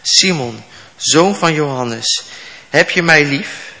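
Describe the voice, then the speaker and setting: A man reads Jesus as a calm, gentle teacher, unhurried and earnest. The tone is bright and clear. A long reverb trails each phrase, as in a large hall. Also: fairly high pitch, full character voice.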